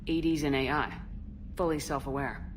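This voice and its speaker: A woman's voice: very deep voice, moderate pace, background noise. An actress playing a tough, decisive female military commander in a video game, speaking bluntly and with composure. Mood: composed. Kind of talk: video game character dialogue.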